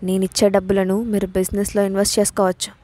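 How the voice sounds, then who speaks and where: A woman voicing a quick-tempered, childlike young bride in a storybook reading. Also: mid-range voice, level tone, dark tone, natural voice. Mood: fiery, petulant.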